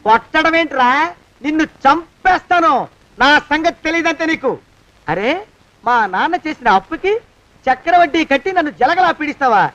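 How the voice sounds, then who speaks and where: A cheeky servant in a film comedy who taunts and blackmails his master. He nags theatrically in a very high voice. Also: expressive, fairly quick, a bit bright, dull audio. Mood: defiant. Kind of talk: Telugu film comedy acting.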